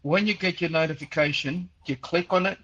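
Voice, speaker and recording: A man's voice: a little high, fairly even intonation, fairly quick, a bit bright, slightly rough, muffled recording. A man in his sixties from Chile, who says he is nearly deaf, hosting a casual call-in chat and answering questions in a rambling way, with many fillers and repeated words. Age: 60s. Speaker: host answering listener questions.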